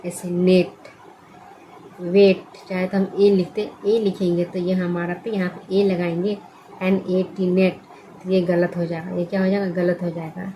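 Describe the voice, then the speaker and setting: A woman's voice: fairly low pitch, flat delivery, unhurried, dark tone, slight background noise, low-quality recording. A woman teaching English letter sounds in a classroom style, asking questions and answering them herself. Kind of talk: classroom-style pronunciation lesson.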